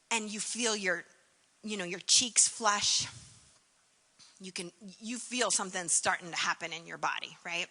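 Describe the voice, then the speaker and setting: Woman keynote speaker, bright clear voice, chatty and gentle, lots of likes and ums. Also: mid-range voice, big-room sound. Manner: conversational, many "like" and "um" fillers. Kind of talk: conference keynote talk.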